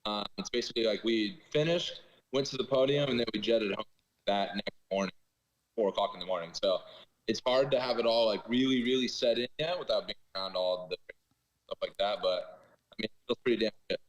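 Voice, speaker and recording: A man's voice: lowish voice, brisk. A young man, an off-road racer, talking casually and rambling with fillers over a video call whose audio sounds echoey and muffled, as if he were in a cave. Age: young adult. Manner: laid-back, rambling with fillers.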